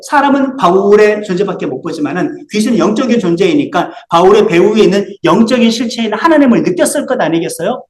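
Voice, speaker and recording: Male pastor, sermon, high voice, rhetorical questions, roomy church echo. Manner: explains with rhetorical questions to the congregation. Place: church sanctuary.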